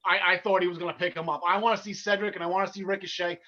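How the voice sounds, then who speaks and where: Chatting casually about wrestling, this podcast co-host speaks fast with a North Jersey accent, tripping over words and starting again in his excitement. He has a high, bright, edgy voice, captured on a muffled, lo-fi recording.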